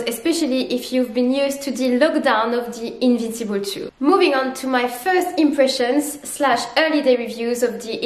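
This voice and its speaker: A young running vlogger with a high, darkish voice, stuffy and congested from a cold, reviews running shoes to camera. She chats upbeat and explains things step by step. It's recorded indoors in her living room, with a roomy sound.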